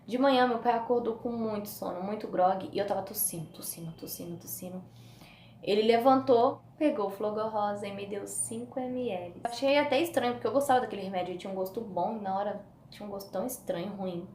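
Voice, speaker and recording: A woman with a Brazilian Portuguese accent telling a personal story as a vlogger, animated and acting out the voices of the people in it. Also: medium pitch, quick pace. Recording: echoey room with faint noise.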